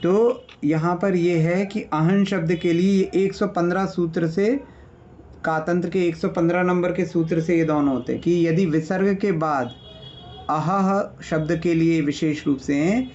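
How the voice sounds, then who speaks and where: A man's voice: high voice, steady tone, unhurried, darkish tone, lo-fi sound, a little hiss or hum. A man teaching an online grammar class, patiently explaining and listing word meanings, often checking in with his students. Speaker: Sanskrit teacher. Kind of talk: online class revision lecture.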